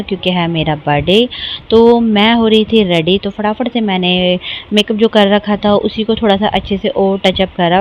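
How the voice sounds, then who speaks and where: Here the same vlogging mom speaks at a medium pitch, teasing herself while she chats through a voice-over for her family vlog. Her storytelling is lively and self-mocking. The audio is poor and carries a slight hiss or hum.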